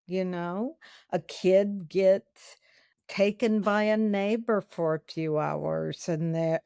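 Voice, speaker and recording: Southern woman, podcast guest expert, low gravelly voice, unhurried and explanatory. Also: darkish tone, dry recording, studio quality. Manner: measured, explanatory. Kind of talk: podcast interview.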